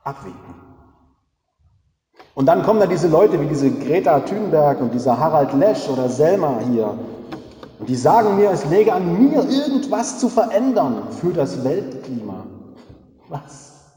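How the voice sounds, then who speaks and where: A man's voice: on the high side, expressive, normal speed, warm tone. A man preaching a sermon, using rhetorical questions and repeated three-word refrains. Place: church. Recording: echoey church with long reverb.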